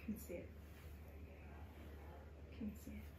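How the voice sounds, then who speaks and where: A woman playing a patient in a soft-spoken ASMR role-play, giving brief answers. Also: slow pace. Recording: roomy echo, clear background noise.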